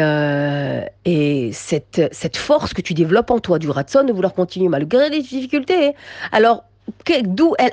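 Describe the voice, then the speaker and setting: A woman giving an inspirational religious talk to women, emphatic and repetitive, moving between soft passages and raised ones. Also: on the high side, dry recording. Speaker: religious teacher addressing women.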